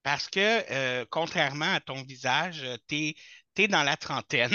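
Bright-voiced joking Quebec man host. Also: on the high side, lively intonation, slow, no room sound. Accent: Quebec French. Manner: teasing, jokey. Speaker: podcast host. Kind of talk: casual interview. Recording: dull lo-fi dry recording.

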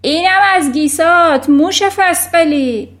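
Lady putting on a huge angry headmistress, yelling and roaring, high voice. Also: close to an everyday voice. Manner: roaring, shouting. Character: furious giant female headmistress, bullying and roaring.

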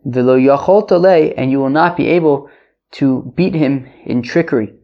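A man's voice: mid-range voice, moderate pace. A man teaching religious texts in an informal, conversational and wry way, reading phrases and translating them line by line, often asking and answering his own questions. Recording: dull, muffled lo-fi sound.

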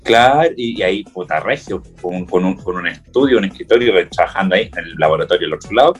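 Chilean-accented man, casual chat, campy rambling jokes, lowish voice, faint music bed. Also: animated, fast, slightly rough. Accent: Chilean Spanish.

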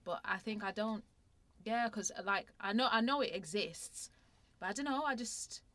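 A woman with a Manchester accent chatting casually as a podcast co-host, relaxed and rambling with restarts. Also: medium pitch, moderate pace, no echo. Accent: Northern English, Manchester. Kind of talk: casual chat.

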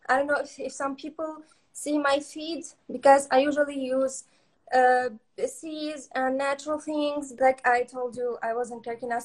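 Young Tunisian woman, Arabic speaker, high voice, hesitant English with lots of ums, online interview guest. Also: poor audio. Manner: halting non-native English with many fillers. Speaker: guest photographer.

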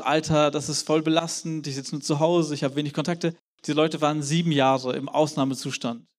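A young man giving a sermon in a casual, youthful way, acting out the quotes of the people he tells about. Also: fairly high pitch. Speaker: preacher.

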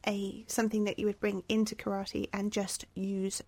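A woman's voice: medium pitch, completely flat delivery, normal speed, darkish tone, husky, no room sound. A woman from England co-hosting a casual chat podcast, curious and full of questions. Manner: curious, asks questions, laughs easily. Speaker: podcast co-host.

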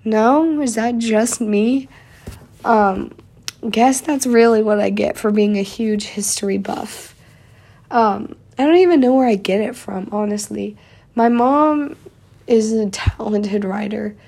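Hosting her own laid-back podcast, this young woman talks at an unhurried pace in a fairly high, gravelly voice with a darkish tone. A cold has left her a little stuffy, and she fills her chatter with lots of fillers.

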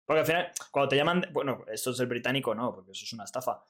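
A man's voice: medium pitch, expressive, rapid-fire, a bit bright. A man bantering as a podcast co-host, teasing and laughing often. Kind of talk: casual chat.

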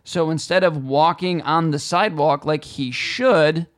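A man co-hosting a podcast in casual chat, grumbling and getting loud when something annoys him. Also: fairly high pitch, fairly even intonation, a little slow. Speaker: podcast co-host.

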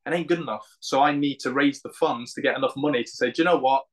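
A man's voice: medium pitch, fast talker. A British man speaking as an interview guest in a casual, colloquial and earnest way. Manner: earnest, plain-spoken, colloquial. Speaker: podcast guest, founder of a men's mental health group.

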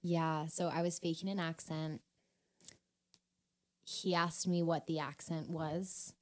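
A young woman guesting on a podcast, chatting casually and telling stories in an animated, self-mocking way, laughing often. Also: deep voice, slow pace. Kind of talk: casual chat, storytelling.

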